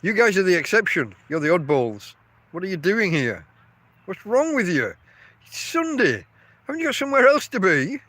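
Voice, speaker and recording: Congested from a cold, a middle-aged man hosts a solo podcast beside his tent in a field camp, rambling, chatty and cutting himself off. He speaks at normal speed in a high-pitched, sing-song, somewhat bright voice, with no room sound.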